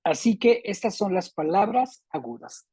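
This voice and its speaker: A woman teaching a class on spelling rules, speaking slowly and deliberately and repeating words with different stresses. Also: medium pitch, lively intonation, dark tone, breathy edge, dry recording.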